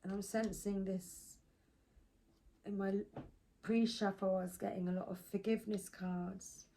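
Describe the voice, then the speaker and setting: A woman reads tarot cards for her viewers, taking her time over every phrase in a soothing, unhurried voice that sits at an ordinary pitch. A faint hiss and a few clicks sit behind her. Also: little pitch movement, rough recording. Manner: slow, soothing, drifting into soft asides. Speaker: tarot card reader. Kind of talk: spiritual card reading.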